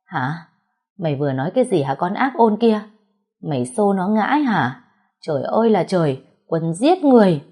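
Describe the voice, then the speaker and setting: A woman voicing an older village mother-in-law who scolds and shrieks abuse, with a husky voice. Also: fairly low pitch, animated, normal speed, a little mellow. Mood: furious.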